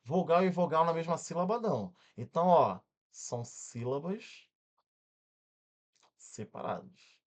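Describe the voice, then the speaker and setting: Brazilian male tutor, animated swooping delivery, punchy quick check-ins, breaks words into syllables. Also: on the high side. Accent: Brazilian Portuguese. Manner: energetic, checks in often with quick questions. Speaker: exam-prep grammar teacher. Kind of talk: online exam-prep lesson.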